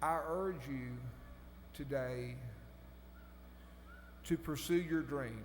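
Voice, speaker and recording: Slow, echoey podium speech by a man. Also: medium pitch. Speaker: commencement speaker. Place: large hall over a PA system. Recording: echoey hall, humming background noise.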